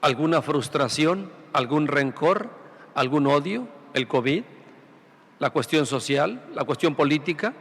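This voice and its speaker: A man's voice: on the high side, expressive, unhurried, fairly bright tone, breathy edge, in a large hall. A man who is a priest, preaching a Sunday sermon through rhetorical questions and repeated phrases. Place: large church sanctuary.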